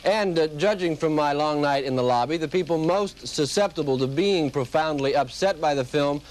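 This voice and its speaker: A man's voice: a little high, normal speed, rough recording. A man working as a television news reporter, delivering a scripted report and asking questions, heard on a 1970s broadcast.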